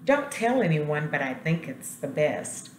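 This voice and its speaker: A woman voicing a warm, instructive kindergarten teacher in a storybook, explaining deliberately. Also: deep voice, sing-song. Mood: confiding. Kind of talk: storybook character voice. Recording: roomy echo, light background noise.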